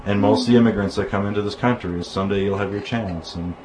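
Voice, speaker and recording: A man's voice: on the low side, steady tone, quick pace, darkish tone, a little hiss or hum, poor audio. A man from the United States in casual conversation, telling anecdotes in a rambling way with restarts and quoted dialogue.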